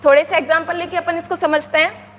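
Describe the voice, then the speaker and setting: High-voiced woman teaching small children. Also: fairly even intonation, a bit bright, long reverb tail. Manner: coaxing, asks "right?" often, counts aloud slowly. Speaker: primary school teacher. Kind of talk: explaining to young children. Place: classroom with a board.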